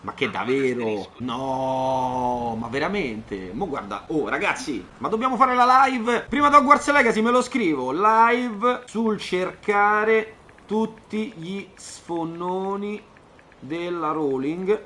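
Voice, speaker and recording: A man hosting a casual livestream, joking and bursting into mock shouting. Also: sits high, lively intonation, takes it slowly, slight background noise. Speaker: livestream host.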